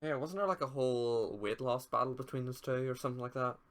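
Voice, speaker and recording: A man's voice: medium pitch, fairly even intonation, fast, a bit bright, a little hiss or hum. A young man co-hosting a casual podcast chat, teasing his friend with dry quips. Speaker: podcast co-host.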